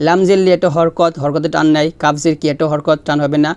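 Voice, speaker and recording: A man teaching Quran recitation step by step, spelling out letters and vowel marks, then chanting each verse slowly for students to repeat. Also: on the high side, fairly even intonation, a little mellow, smooth. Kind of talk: slow step-by-step recitation lesson.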